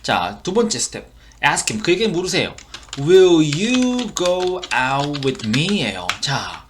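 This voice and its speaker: Korean man teaching English phrases, lively pitch. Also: background noise. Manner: explains phrases slowly, repeating English lines. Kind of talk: online English lesson.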